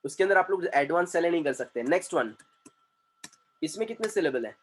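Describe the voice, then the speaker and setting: A man, a communication trainer teaching an online class, drawing out syllables slowly and quizzing his students. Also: fairly high pitch, expressive.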